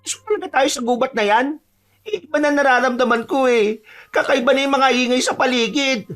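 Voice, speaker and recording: A man's voice: very high voice, a little fast, a bit bright. A man voicing a jumpy, easily scared young man from the city in an audio horror story. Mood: nervous. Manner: nervous, whiny and fearful.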